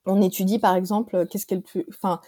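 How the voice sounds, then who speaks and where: A woman's voice: medium pitch, little pitch movement, fast talker, warm tone, dry recording, studio quality. A woman founder talking in a casual interview, her voice weak and trembling from an allergy, with many fillers and restarts. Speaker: app founder, guest.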